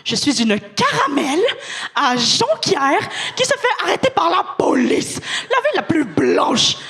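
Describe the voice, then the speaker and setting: A woman's voice: high-pitched, unhurried. A young woman with a Quebec French accent, telling a story as a stand-up comedian on a club stage and acting out the voices in it. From Montreal. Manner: lively storyteller, acts out quoted voices. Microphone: handheld stage mic.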